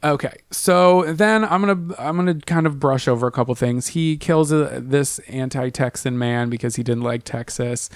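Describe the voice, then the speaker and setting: A man's voice: mid-range voice, normal speed, few pauses, dry recording, clean studio sound. A man co-hosting a podcast, telling a history story in a casual, comedic, profane way, rambling with lots of fillers. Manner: profane, rambling, full of 'like' and 'uh'. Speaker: podcast co-host.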